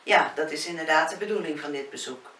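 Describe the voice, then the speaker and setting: A woman's voice: sits low, quick pace, a bit bright. A woman reading the lines of a curious, candid young therapist in a spoken novel. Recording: roomy, distant, faint hiss.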